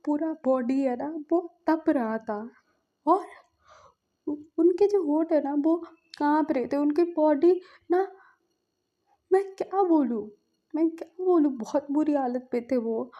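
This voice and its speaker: A woman's voice: high voice, normal speed. Woman voicing a pleading young man, dull lo-fi. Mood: distraught. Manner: pleading, tearful and repetitive. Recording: dull lo-fi recording.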